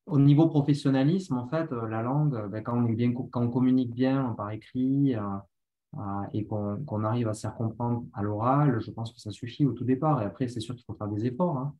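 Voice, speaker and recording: A man's voice: medium pitch, brisk, lo-fi sound. A man on a video call, speaking earnestly and reflectively in a casual panel discussion.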